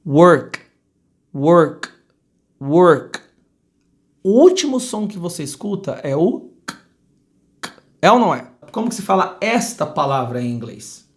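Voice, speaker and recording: A Brazilian man teaching English pronunciation, speaking close to the mic and slowly repeating model words with emphasis. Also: high-pitched, big pitch swings. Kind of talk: pronunciation lesson. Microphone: close microphone.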